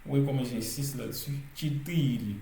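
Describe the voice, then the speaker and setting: Slow, hesitant male French teacher. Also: mid-range voice, fairly even intonation, warm tone, echoey room, slight background noise, poor audio. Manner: slow and deliberate, many hesitations, repeats words to drill them. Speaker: language teacher. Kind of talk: explaining pronunciation rules.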